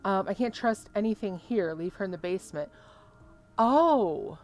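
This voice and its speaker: A woman's voice: medium pitch, animated, normal speed, darkish tone. A woman commentating casually on a game as a streamer, reading dialogue choices aloud. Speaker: gaming streamer.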